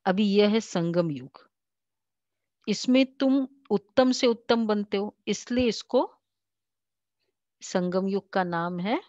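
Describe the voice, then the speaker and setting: An Indian woman giving a devotional class, slowly reading and explaining scripture, raising her voice when she quotes. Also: medium pitch, a little mellow, no echo, highs cut off. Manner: slow, explanatory, quotes the Father in a raised voice. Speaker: spiritual teacher.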